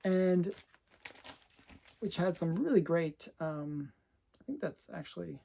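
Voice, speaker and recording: Mellow-voiced woman chatting about her comics. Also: lowish voice, lively intonation, takes it slowly, creaky. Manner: chatty, laughs often between remarks. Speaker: comic collector showing her collection. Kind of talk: casual show-and-tell chat.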